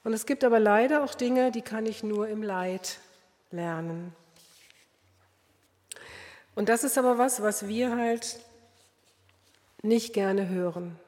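Older woman, earnest sermon, addresses listeners directly, mid-pitched voice, long reverb of a hall. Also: slow, long pauses, darkish tone.

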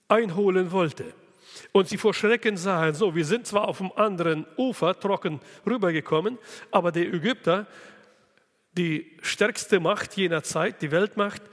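Male preacher, slow and deliberate, slightly high voice, hall reverb. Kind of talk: sermon.

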